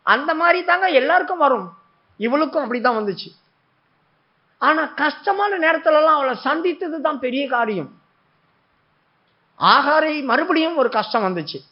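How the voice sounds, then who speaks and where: A man's voice: very high-pitched, normal speed, pauses often. A man preaching a sermon, telling a story with feeling and acting out the prayers and the replies of God. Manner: animated storytelling, acting out prayers and God's words. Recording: dull lo-fi recording.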